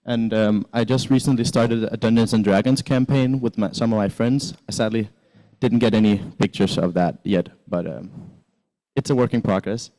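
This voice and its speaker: A Swedish teenage boy gives a casual, rambling presentation with slides about his exchange year, full of fillers and restarts. His voice is on the low side and mellow, with fairly even intonation at a normal speed. The recording is rough.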